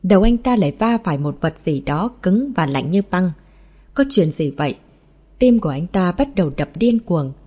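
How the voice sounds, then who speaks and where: A woman reading a martial arts novel aloud in a steady narration voice, voicing every character in the same plain tone. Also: fairly low pitch, moderate pace, husky. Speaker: audiobook narrator.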